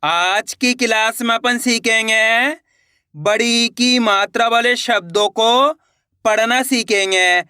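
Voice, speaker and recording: High, bright-voiced male Hindi teacher. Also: slow, clean tone, no room sound, studio quality. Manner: coaxing, repeats each sound and asks the viewer to answer; emphatic, promises guaranteed results. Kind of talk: classroom-style video lesson.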